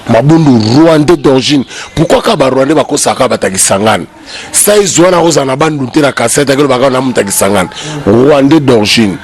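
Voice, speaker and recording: A man's voice: medium pitch, lively intonation, fairly quick. A Congolese man speaking as a guest commentator in a heated political debate, emphatic and repeating his key points. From Congo (DRC). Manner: emphatic, repeats key phrases, voice climbs when arguing.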